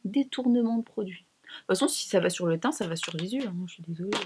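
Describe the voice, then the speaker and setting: A woman's voice: medium pitch, lively intonation, quick pace, heavy background noise. A young woman chatting casually to camera as she tests makeup, slangy and self-mocking. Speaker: beauty vlogger. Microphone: camera mic.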